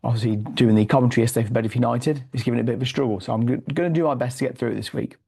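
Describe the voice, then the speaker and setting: With a cold that has taken his voice, this man rattles off a weekly football review from notes in rapid-fire fashion, full of fillers and restarts. The voice is medium in pitch, dark, hoarse and gravelly.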